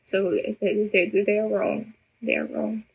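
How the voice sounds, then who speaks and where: Speaking into her phone camera, this Russian-native vlogger rambles through an unscripted personal monologue to her viewers, stammering and restarting often. Her voice is mid-range, steady, slow, creaky and slightly rough, captured in poor audio.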